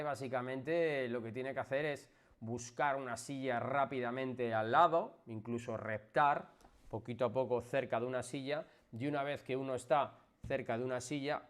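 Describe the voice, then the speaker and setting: A man from Spain with a Spanish accent, a physiotherapist chatting casually with viewers on a live stream, energetic and emphatic, jumping from loud bursts to soft asides. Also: medium pitch.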